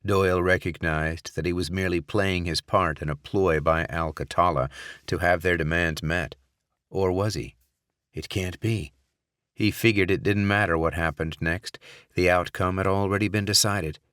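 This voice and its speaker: Low-voiced man narrating a thriller audiobook. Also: clean tone, no echo, clean studio sound. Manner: steady, measured storytelling.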